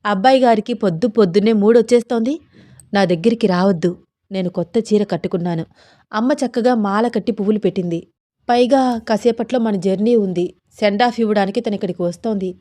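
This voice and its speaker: A shy, flustered young wife, protesting coyly in a mid-pitched voice, as read by a woman storyteller. Her lines come quick and bashful in a storybook romance. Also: mellow, natural voice. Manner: protesting, coy.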